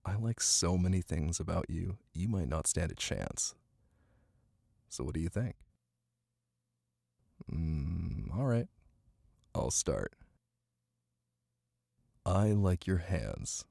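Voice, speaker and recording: A man with a deep, husky voice plays an affectionate, playful, ticklish boyfriend reading aloud to his partner in an intimate ASMR roleplay. His soft, unhurried, teasing delivery is fully in character, with big pitch swings and murmured pauses, and he sounds playful and tender. It's recorded close and dry on a close mic, with no room sound and rain in the background.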